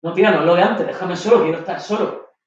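A woman's voice: fairly low pitch, fast, close to an everyday voice. A woman with a Spanish accent from Spain voicing her jealous, moody young boyfriend, curt and sulky, in an echoey patio. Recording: very echoey, distant lo-fi mic.

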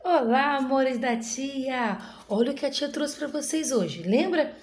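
A woman's voice: high voice, a little slow, music in the background. A woman teacher, leading a video lesson for young children in a sing-song, coaxing way. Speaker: inclusion teacher of first graders.

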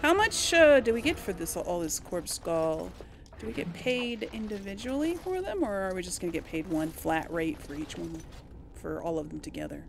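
Gravelly and lowish, this woman's voice is expressive and moves at normal speed, with game music playing behind it. She hosts a role-play gaming series, chatting casually through gameplay and addressing both herself and the characters on screen.

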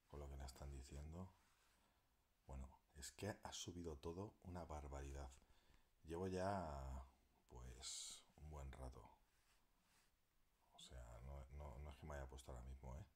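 In a casual live video, a deep-voiced man from Spain, an alternative healer, rambles to his followers while operating a device, occasionally half-whispering to himself. His tone stays steady and his pace measured, with long pauses, and background noise is audible.

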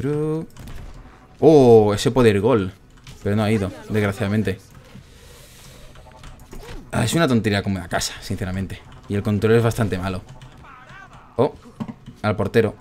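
A man casually commentating his own gameplay, chatty and excitable, groaning at every miss. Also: lowish voice, moderate pace, pauses often. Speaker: gaming streamer.

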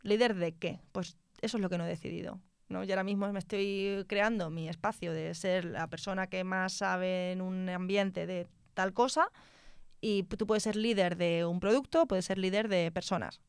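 A woman's voice: mid-range voice, steady tone, normal speed, clean tone, no room sound, clean studio sound. Young woman from Spain, engineer guest, candid chatter, clean resonant tone. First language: Spanish. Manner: candid, reflective, laughs often. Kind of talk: casual interview chat.

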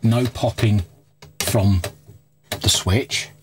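A middle-aged man with a lowish voice speaks very slowly, hosting a radio repair video. His commentary is informal, candid and hands-on, recorded indoors in a small, cluttered workshop.

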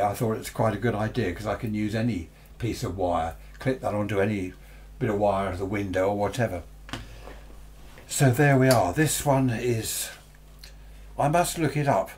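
Fairly low in pitch with a darkish tone, this voice belongs to an English radio hobbyist presenter aged sixty or older. He rambles chattily and muses to himself as he reviews gadgets unscripted. He's in a small, cluttered radio workshop indoors, and the recording carries noticeable background noise and hum.

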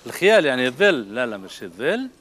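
Lively Algerian man hosting a kids' show. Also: mid-range voice, very fast. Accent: Algerian Arabic. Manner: cheerful, praising and coaxing children. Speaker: children's TV host. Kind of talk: lively children's TV studio talk.

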